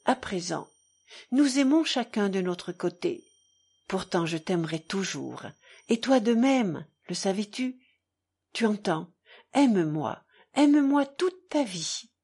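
A woman's voice: medium pitch, very animated, slow, dark tone, slightly rough, exaggerated voice. A woman reading an audiobook, voicing a proud, passionate young woman who pleads in an intense, trembling way. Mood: tender.

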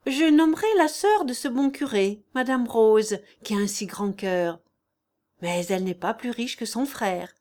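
A woman's voice: a little high, unhurried, a little mellow, close to an everyday voice. A woman reading the part of a kind, pious young girl in an audiobook, in an earnest, tender manner.

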